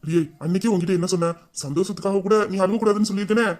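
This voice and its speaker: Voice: mid-range voice, rapid-fire, noisy background, natural voice. Someone voicing a protective, loving young groom. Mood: tender, reassuring. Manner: teasing, reassuring, tender. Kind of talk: audio drama acting.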